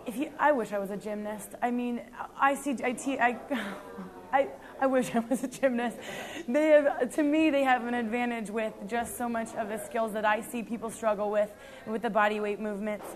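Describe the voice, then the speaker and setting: Young woman athlete, earnest and halting, somewhat high-pitched. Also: steady tone. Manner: earnest, with frequent ums and restarts. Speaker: CrossFit athlete. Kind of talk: reflective interview answers.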